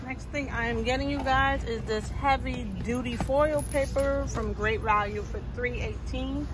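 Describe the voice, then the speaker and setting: A woman's voice: a little high, fairly even intonation, a little slow, noisy background. A middle-aged woman, chatting casually to viewers in a shopping vlog, recorded on a phone held at arm's length in a large supermarket. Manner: chatty, talks to viewers as "you guys" and "y'all". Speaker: vlogger. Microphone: phone camera held at arm's length.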